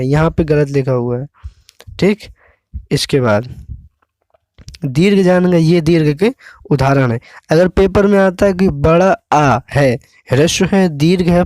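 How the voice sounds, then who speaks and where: A man teaching an exam-prep lesson, explaining slowly and pausing often to check with the viewer. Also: on the high side, darkish tone, no echo, studio quality.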